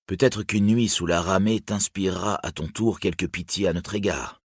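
A stern young outlaw captain, grave and commanding, with a bitter edge, as a man puts him on. The voice is deep and husky, in a dry storybook reading. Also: moderate pace, dry recording.

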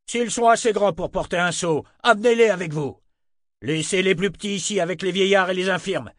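A man voicing a flustered middle-aged male merchant who shouts urgent orders to a panicking crowd, in an audiobook. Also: a little high, normal speed, no echo, studio quality, pitched above the performer's own voice, natural voice. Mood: urgent shouting. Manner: loud, urgent, commanding. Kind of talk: audiobook character voice.

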